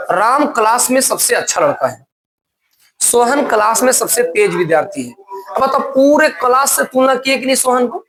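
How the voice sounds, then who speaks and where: A high-pitched male teacher leads a grammar lesson in a classroom. He explains things slowly, then poses questions to the class and answers them himself.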